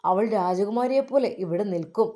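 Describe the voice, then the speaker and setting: A woman's voice: medium pitch, normal speed, warm tone, close to an everyday voice. Woman doing a snippy jealous older maid lady, scolding and mocking. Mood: scornful. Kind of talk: storytelling voice acting.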